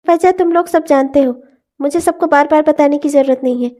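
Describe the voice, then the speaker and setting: A stubborn, resentful young wife from a cartoon family drama, played by a woman. She speaks in curt, cold refusals with a very high yet mellow tone. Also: a little fast, natural voice.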